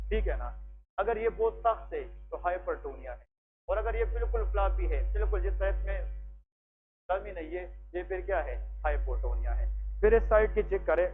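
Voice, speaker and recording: A man teaching a medical class, explaining an examination step by step and often checking that students follow. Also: high-pitched. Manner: explanatory, asks the class frequent check questions. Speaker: medical lecturer. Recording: tinny phone-like recording with faint music.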